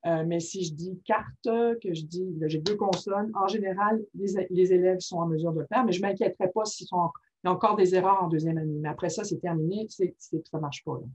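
Speaking on the low side, fairly quickly and huskily, this woman presents a workshop on reading disorders. Her teaching style is informal and lively, with frequent "ok?" check-ins, and the audio is muffled lo-fi.

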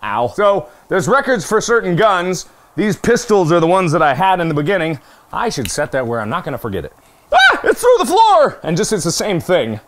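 A young man giving let's play commentary on a virtual reality zombie shooting game, swearing and joking, dropping to mutters and jumping to yelps and shouts. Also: a little high, animated, brisk, slight background noise. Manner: swears and jokes while playing. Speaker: gaming YouTuber.

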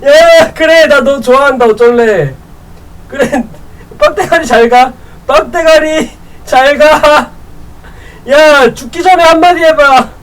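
High-voiced woman streaming a game. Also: slow pace, far from the mic, low-quality recording. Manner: loud teasing banter, laughs often. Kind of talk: live gameplay chat with viewers.

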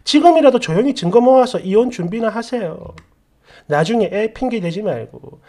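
A woman's voice: on the high side, lively intonation, moderate pace, mellow. A woman narrating a story for a story channel and reading viewer comments aloud, with conversational, opinionated asides.

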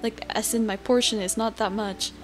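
A woman's voice: a little high, steady tone, brisk, soft background music. A young woman chatting casually on a livestream as a VTuber, with a cutesy, giggly, self-deprecating manner. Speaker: VTuber streamer chatting with viewers.

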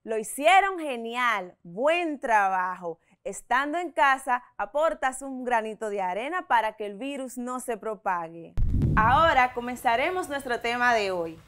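A Dominican English teacher in her thirties gives a televised lesson to schoolchildren, speaking with a Dominican Spanish accent in a fairly high, expressive, slightly bright voice. She explains slowly and clearly in both languages, modelling words and sentences for the children to repeat.

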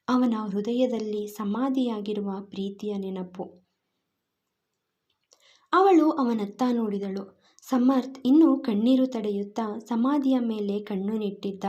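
Slow, mellow woman storyteller. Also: a little high, highs cut off. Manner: slow, gentle, emotional reading. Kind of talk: scripted narration.

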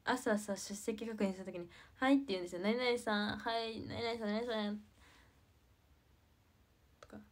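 Teen girl, soft quiet voice, casual livestream chat, rambling with fillers and giggles. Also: mid-range voice, steady tone, normal speed, long pauses. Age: teens. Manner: meandering, giggly, many fillers. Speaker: idol livestreamer.

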